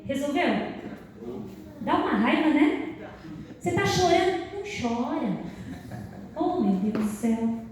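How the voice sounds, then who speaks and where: Brazilian woman, Bible teacher, high voice, animated storytelling, recorded far off in a very echoey hall. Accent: Brazilian Portuguese. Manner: animated, acts out little quoted scenes. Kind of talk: church Bible lesson. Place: church hall. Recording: echoey room, voice from far off the mic.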